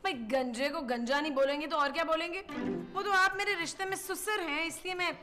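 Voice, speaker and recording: A woman with a Pakistani Urdu accent in sitcom acting, teasing with a deadpan manner. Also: very high-pitched, a little fast, over music. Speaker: sitcom daughter-in-law character.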